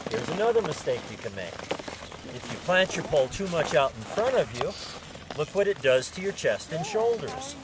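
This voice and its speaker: A man's voice: a little high, sing-song, moderate pace. A man teaching a ski lesson to a group, projecting his voice in short, emphatic instructions with a folksy, joking manner. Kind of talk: outdoor group ski lesson with jokey coaching. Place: outdoors on a ski slope. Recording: outdoor ambient noise, shifting distance.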